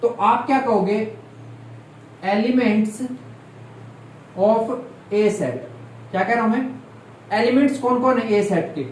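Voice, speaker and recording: A man's voice: very high-pitched, a little fast. A man teaches maths to a classroom, firing short questions and repeating each term so the students say it back. His mid-range voice comes from some distance away in a reverberant room with faint background noise. It sounds like a live class recorded on a far-off mic. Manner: keeps quizzing the class, repeating key terms. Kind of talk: classroom lesson with call-and-response questions.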